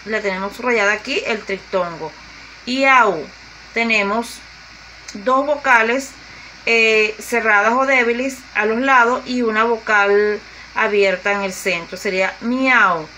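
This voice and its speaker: A woman teacher, explaining grammar to young pupils slowly and deliberately, repeating her examples. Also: on the high side, pushed and bright, a little hiss or hum, rough recording. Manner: slow and deliberate, repeating and spelling out examples with fillers. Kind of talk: slow grade-school grammar lesson.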